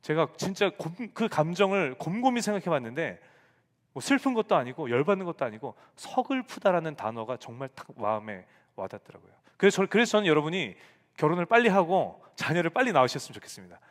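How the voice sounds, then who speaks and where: A pastor in his forties speaks fast in a sing-song voice on the high side, delivering a sermon to young adults. He recounts a story about his family and performs the quoted lines, and the church hall gives the recording plenty of echo.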